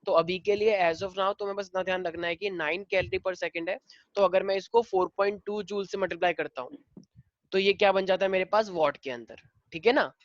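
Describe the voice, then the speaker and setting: A man's voice: high-pitched, fairly even intonation, brisk, no echo, dull audio. Hindi-teacher man quizzing his class. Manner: mixes Hindi and English, drills students with questions. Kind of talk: online class problem-solving.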